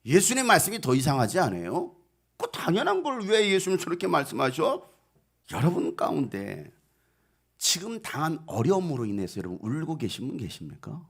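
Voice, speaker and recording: Gravelly, animated Korean pastor preaching. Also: male voice, fairly high pitch, normal speed. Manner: dramatic, swinging from hushed asides to loud wailing and shouts; asks the congregation questions and answers them himself. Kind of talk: sermon. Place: small church.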